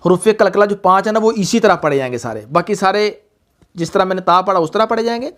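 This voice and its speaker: A man's voice: high voice, expressive, fast talker, fairly bright tone. A man teaching Quran recitation, patiently calling the student "son" and stretching out each syllable in repeat-after-me drills. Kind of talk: tajweed lesson with call-and-repeat drills.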